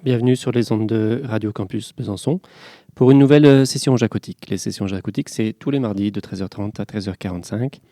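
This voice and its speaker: A man hosting a school radio show, introducing the program in a relaxed way with many fillers. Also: fairly low pitch, brisk, dry recording, clean studio sound, faint music behind. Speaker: radio host and art teacher. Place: studio at an art school.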